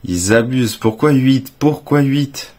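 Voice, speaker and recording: A young man with a French accent, giving casual, excitable commentary as he reveals graded trading cards, exclaiming often with slang. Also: medium pitch, unhurried. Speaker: card collecting YouTuber.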